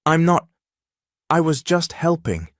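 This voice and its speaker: A woman's voice: a bass voice, sing-song, unhurried, dry recording, clean studio sound, pitched above the performer's own voice, full character voice. A man playing a frightened, timid young woman who stammers, in a narrated story. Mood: stammering.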